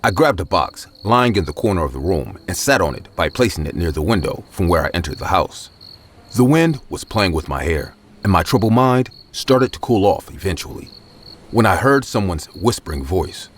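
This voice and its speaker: A man narrating a scripted horror story with a steady storytelling delivery. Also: deep voice, normal speed.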